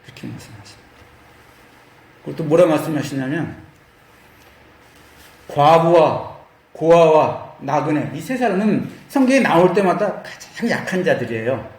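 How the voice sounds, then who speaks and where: A man preaching a lively Bible-study sermon, acting out quoted voices and laughing as he goes. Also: a little high, normal speed, long pauses, reverberant. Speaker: pastor.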